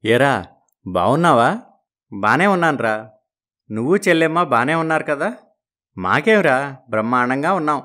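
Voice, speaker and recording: A man voicing fatherly characters in a storybook tale, gentle and reassuring. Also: mid-range voice, animated, moderate pace, pauses often. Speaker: voices male characters.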